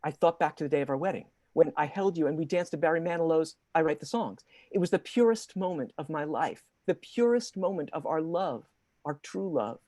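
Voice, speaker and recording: A woman's voice: low voice, lively intonation, a little fast, warm tone, dry recording. A woman playing a bumbling, henpecked husband. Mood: exasperated. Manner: exasperated, stammering, overwrought. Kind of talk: improvised comedy scene.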